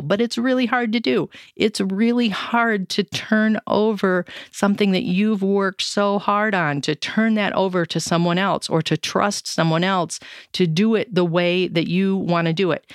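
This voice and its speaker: A woman's voice: lowish voice, no echo, clean studio sound. A woman hosting a solo podcast, talking candidly and reflectively about lessons from running an online business, with a touch of sarcasm.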